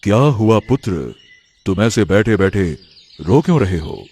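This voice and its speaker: A man voicing a wise old holy man in a cartoon, speaking slowly and solemnly. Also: on the low side, big pitch swings, a little mellow, breathy edge, exaggerated voice. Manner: slow, solemn preaching. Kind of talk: cartoon voice acting.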